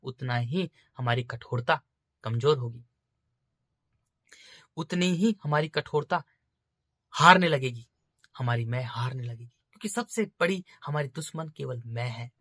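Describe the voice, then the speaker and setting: A man's voice: medium pitch, unhurried, no room sound, clean studio sound. A man giving informal spiritual preaching, urging his listeners again and again and calling them brothers. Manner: insistent, repetitive exhortation. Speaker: spiritual speaker.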